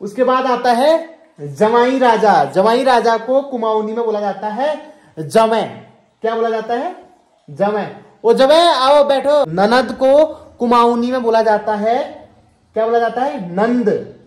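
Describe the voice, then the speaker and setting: A man's voice: very high voice, animated, slow pace. A man from the Kumaon hills, teaching words in a spoken lesson, repeating each word and quizzing his listeners. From Kumaon, Uttarakhand. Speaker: language teacher. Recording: echoey room.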